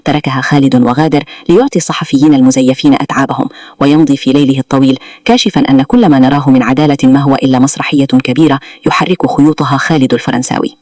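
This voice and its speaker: Fast-talking male story narrator. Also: medium pitch, a little mellow, no echo, studio quality. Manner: formal, dramatic storytelling. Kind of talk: scripted drama recap narration.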